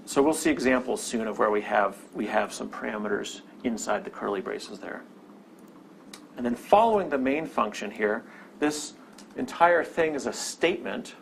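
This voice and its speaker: A programming instructor teaches a lesson over a screen recording, explaining step by step, often checking in with "okay?" and restarting sentences. His mid-range voice is expressive and gravelly at a moderate pace, with a little hiss or hum.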